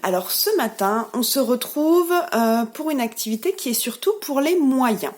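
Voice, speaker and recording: A woman with a French accent, a preschool teacher giving a remote lesson to young children, speaking slowly and clearly with encouragement. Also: a little high, lively intonation, a little mellow. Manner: slow, clearly articulated, encouraging.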